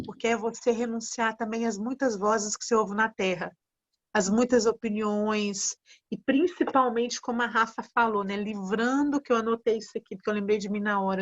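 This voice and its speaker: Animated woman hosting a faith talk. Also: on the high side, moderate pace. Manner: animated, acts out prayers in quotes. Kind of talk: casual faith conversation. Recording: dull lo-fi sound.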